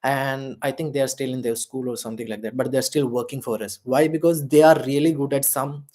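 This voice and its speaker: A man's voice: mid-range voice, steady tone, brisk, darkish tone. A man, shivering in the cold outdoors, hosting a live Q&A and giving earnest career advice full of fillers. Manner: earnest, rambling, with many fillers. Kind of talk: live Q&A chat.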